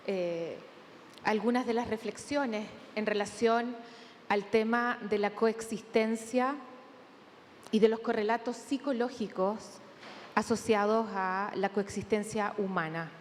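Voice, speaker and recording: A woman from Chile with a Chilean accent, giving a measured academic conference talk with thoughtful pauses in a large hall. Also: on the high side. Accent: Chilean Spanish. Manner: measured, deliberate, with thinking pauses. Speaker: conference speaker. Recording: long hall reverb, faint room noise.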